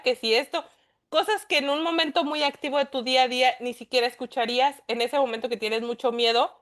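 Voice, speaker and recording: A woman with a Mexican accent gives a class lecture as an instructor, explaining step by step and often tagging rhetorical questions onto her points. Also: a little high. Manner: explanatory, poses rhetorical questions and tags them with "¿no?".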